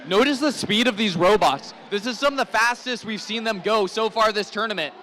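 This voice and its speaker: High, bright male hype announcer. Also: a little fast, a little hiss or hum, low-quality recording. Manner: hype announcer trading calls with co-announcer, calling out to the crowd. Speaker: play-by-play event announcer. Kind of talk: live robotics competition commentary.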